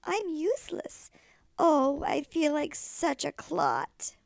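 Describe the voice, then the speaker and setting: A gangly, tender-hearted storybook giraffe, voiced by a woman, speaks earnestly in a high voice. The sound is dry and a little creaky. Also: huge pitch swings, takes it slowly, no echo, heavily acted. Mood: dejected. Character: tall, clumsy, tender-hearted male giraffe. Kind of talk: children's storybook read-aloud.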